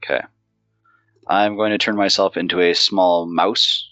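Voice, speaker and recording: A man's voice: sits low, steady tone, measured pace, bright, forceful tone, dry recording, muffled recording, faint music behind. A man playing a tabletop role-playing game, rambling and thinking aloud with casual swearing. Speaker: player.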